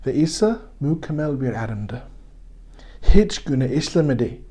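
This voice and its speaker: A man with a foreign accent, still learning Turkish, teaching the Bible in simple, broken, halting sentences with frequent self-corrections. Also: medium pitch, sing-song, dark tone, breathy edge. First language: not Turkish, still learning it.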